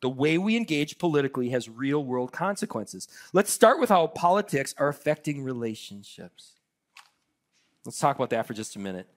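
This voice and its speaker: A man's voice: medium pitch, big pitch swings, moderate pace. A man preaching a sermon as pastor, leading the church in a playful audience exercise. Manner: upbeat, leads audience participation with laughs.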